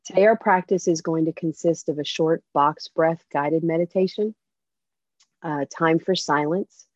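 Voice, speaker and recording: A woman leading a guided breathing meditation over a video call, speaking softly with gentle invitations. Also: sits low, no room sound. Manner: slow, soft-spoken, gentle invitations. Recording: dull lo-fi video call audio.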